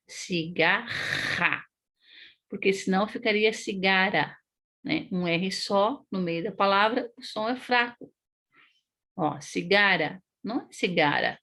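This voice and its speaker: A woman teacher with a Paraná Brazilian accent explaining a lesson to young pupils, patient and explanatory, often checking in with "né?" and sounding out words slowly. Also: mid-range voice, vocal fry. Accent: Paraná Brazilian Portuguese. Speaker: primary school teacher. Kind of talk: recorded online lesson.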